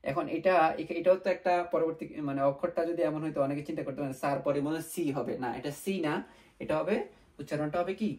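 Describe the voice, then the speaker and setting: A man teaches a beginner class at an unhurried pace. He repeats each sound several times and asks himself questions before answering them. English words slip into his speech now and then. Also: fairly high pitch, a little mellow. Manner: patient and repetitive, drills sounds aloud, rhetorical questions. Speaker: language teacher. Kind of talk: step-by-step beginner lesson.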